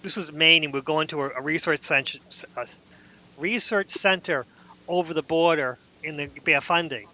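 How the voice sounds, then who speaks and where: A man's voice: fairly high pitch, fairly quick, sharp tone. A man in casual podcast chat, telling rambling anecdotes full of restarts. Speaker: podcast host.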